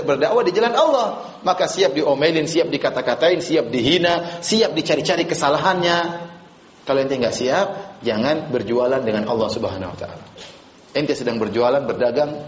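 A man preaching a religious lecture to a live audience, casual and joking, quizzing the listeners. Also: mid-range voice. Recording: echoey room.

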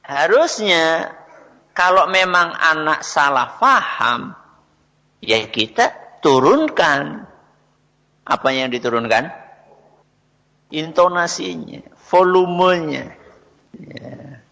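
A man's voice: fairly high pitch, expressive, takes it slowly, vocal fry, long pauses, pushed and bright, in a large hall. A man giving a religious talk on parenting to an audience, asking questions and answering them himself. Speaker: religious speaker.

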